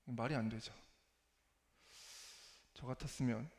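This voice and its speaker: A man giving a church testimony in Korean in a hesitant, self-deprecating and halting manner. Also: mid-range voice, steady tone, darkish tone. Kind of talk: church testimony, spoken sermon. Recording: echoey hall with long reverb.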